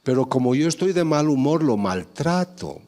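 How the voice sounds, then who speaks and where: A man's voice: a little high, very animated, normal speed, dark tone. A man giving a lecture, explaining ideas and acting out little family dialogues to make his points. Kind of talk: conference talk. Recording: long hall reverb.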